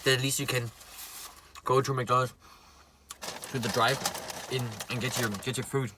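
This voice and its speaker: A man chatting casually to viewers while he eats, pausing and murmuring between remarks. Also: mid-range voice, fairly even intonation, noisy background. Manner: talks while eating, with murmured mms and pauses. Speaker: mukbang vlogger. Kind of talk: casual eating chat to viewers.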